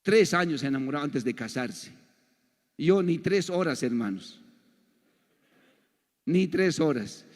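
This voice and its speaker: An older man teaching a church seminar as a pastor, telling animated stories and asking his audience rhetorical questions. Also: a little high, takes it slowly, pauses often, big-room sound. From Bolivia. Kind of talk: seminar lecture to a congregation.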